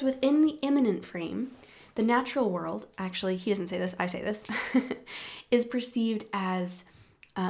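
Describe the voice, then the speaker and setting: A woman presenting a book discussion, reading passages aloud and explaining them in a thoughtful, measured way with asides and fillers. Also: mid-range voice.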